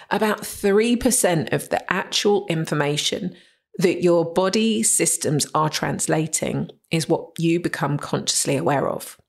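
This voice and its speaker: A woman's voice: sits low, creaky, husky. A woman hosting a solo podcast, explaining ideas with enthusiastic emphasis and rhetorical questions. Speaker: podcast host.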